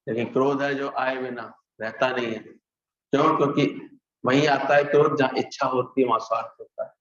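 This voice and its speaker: A man gives a satsang talk in an easygoing preaching manner, firing rhetorical questions at his listeners and dropping to a hush or rising to a shout to act out scenes. His mid-pitched voice rings around an echoey room, and the recording sounds muffled and lo-fi. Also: fairly even intonation, normal speed. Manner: conversational preaching, rhetorical questions, mimics loud and hushed speech. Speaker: spiritual teacher. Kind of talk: Hindi satsang discourse. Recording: echoey, dull lo-fi hall recording.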